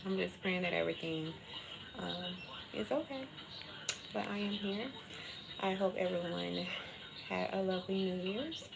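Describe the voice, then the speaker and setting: A woman with a fairly low, gravelly voice chats candidly to her livestream in casual, slangy language. She is in a hospital room, with loud beeping alarm noise behind her. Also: measured pace, long pauses. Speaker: livestream host. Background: beeping medical pump alarm.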